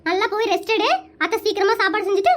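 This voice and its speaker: A voice actor voicing a bossy, talkative middle-aged aunt in an animated cartoon, scolding and prying. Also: very high-pitched. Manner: loud, scolding, nosy and fast.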